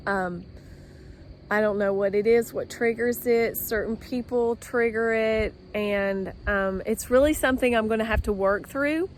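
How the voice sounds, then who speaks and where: Slow-talking woman vlogging outdoors. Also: a little high, a little hiss or hum. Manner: rambling, many fillers and restarts. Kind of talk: casual outdoor vlog talk. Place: outdoors with trees and her dogs.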